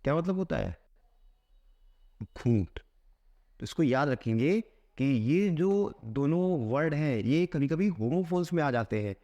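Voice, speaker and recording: A man teaching vocabulary for competitive exams. He asks a question, answers it himself, and reads English phrases slowly, word by word. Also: on the high side, lively intonation, dark tone, muffled recording. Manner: asks a question, then answers it with a repeated keyword. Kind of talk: explaining a vocabulary lesson.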